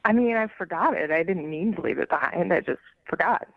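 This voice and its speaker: A woman's voice: on the low side, lively intonation, fairly quick, creaky, dry recording. Woman over a tinny phone line. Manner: hesitant and guarded. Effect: heard over the phone. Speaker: caller on a radio show. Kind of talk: casual phone conversation.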